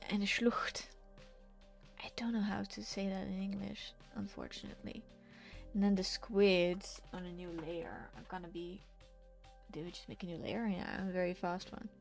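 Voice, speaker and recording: This painting streamer has a mid-range voice with vocal fry, speaking at a normal pace in an even tone. She talks casually with her audience while drawing, laughs in response to chat, and frequently half-whispers to herself, with faint music in the background.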